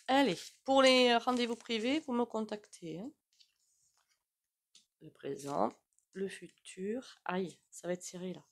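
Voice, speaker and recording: A woman's voice: mid-range voice, unhurried, pauses often. A woman with a regional French accent giving a casual, rambling tarot reading to her viewers, with frequent "hein" asides. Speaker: tarot reader.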